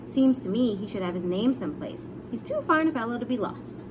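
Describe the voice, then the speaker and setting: A woman's voice: fairly high pitch, animated, fairly quick, background noise, lightly acted. A woman voicing a kindly, enthusiastic young male artist in a storybook, exclamatory and thoughtful.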